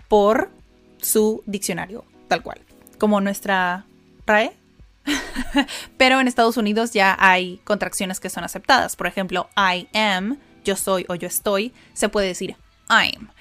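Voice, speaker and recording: A woman hosting an English lesson podcast in a casual reaction format, chatty and quick to laugh, repeating words aloud for practice. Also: medium pitch, fairly bright tone, soft background music. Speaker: English teacher and podcast host.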